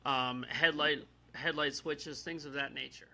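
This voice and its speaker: A man's voice: a little high, steady tone, a little slow, vocal fry, crowd noise, low-quality recording. A man co-hosting a podcast, explaining things in a rambling casual way, laughing often and losing his place. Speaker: podcast co-host. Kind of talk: casual chat.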